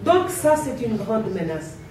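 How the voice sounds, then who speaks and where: A woman from Guinea-Bissau with a foreign accent in her French, giving a conference talk in a deliberate, emphatic way with repeated phrases. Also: a little high, very animated, darkish tone. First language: not French. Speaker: conference presenter. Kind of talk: impassioned public talk in French as a second language. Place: indoor conference room. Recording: very echoey hall, distant mic, faint noise.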